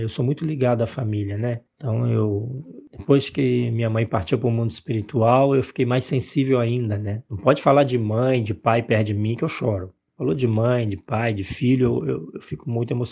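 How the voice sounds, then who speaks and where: A man from the Rio gives an informal spiritual class, his voice gravelly and mellow. He talks in a conversational way, leaning on tag questions and heartfelt personal stories. The recording sounds dull and lo-fi. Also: medium pitch. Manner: conversational, many tag questions, emotional storytelling. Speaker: reverend teaching a spiritual class. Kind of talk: informal spiritual teaching talk.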